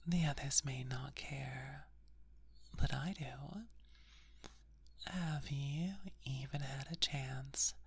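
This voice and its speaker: Brief: woman, low voice, breathy whispered ASMR, dry close mic. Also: no room sound. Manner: slow, soothing, attentive. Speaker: ASMR performer. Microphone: close sensitive microphone.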